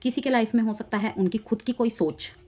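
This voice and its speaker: This tarot reader has a fairly high, dark-toned voice and talks fairly quickly. She gives a collective reading, explaining the cards directly to her viewers and drifting between Hindi and English.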